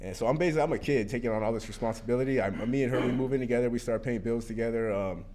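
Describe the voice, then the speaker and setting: At a support meeting, a man in his thirties from Arizona gives his personal recovery testimony, candid and rambling, full of fillers and cursing. His mid-range voice has a dark tone and comes out rapid-fire, with a little hiss or hum in the background.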